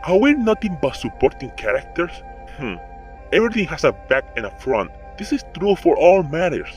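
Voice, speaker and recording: A video narrator quoting a calm, mocking male fallen angel lord through a voice changer that pitches the voice deep, in a slow, musing delivery. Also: soft background music. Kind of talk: quoting game dialogue.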